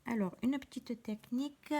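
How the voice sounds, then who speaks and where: Over a very noisy recording, a woman at her craft table leads a chatty, step-by-step card-making lesson with small restarts. She talks at a moderate pace in a slightly high voice.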